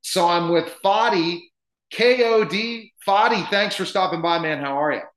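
A man's voice: sits high, a little slow, fairly bright tone. A man hosting a celebrity interview show, chatting casually and hyping his guests. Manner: upbeat, hype-style host patter. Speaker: talk show host. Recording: roomy echo.

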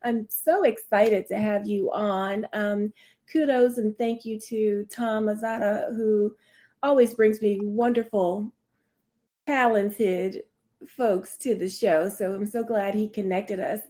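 A woman's voice: medium pitch, fairly even intonation, slow, mellow. A woman hosting an online radio show, chatting casually with a guest, laughing often and talking with many fillers and restarts. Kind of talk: casual interview.

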